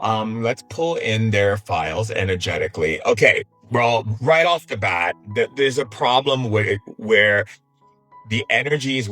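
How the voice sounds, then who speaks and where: Low-voiced man coaching, music behind. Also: fairly bright tone. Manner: conversational, often checks in with "right?". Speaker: host, spiritual healer. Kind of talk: live-stream spiritual coaching talk.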